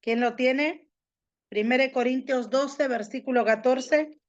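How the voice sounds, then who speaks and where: High-voiced woman, emphatic preaching teacher, dull lo-fi recording. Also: a little slow. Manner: emphatic, repeats key phrases for stress. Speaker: prophet teaching a training class. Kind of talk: preaching-style Bible class.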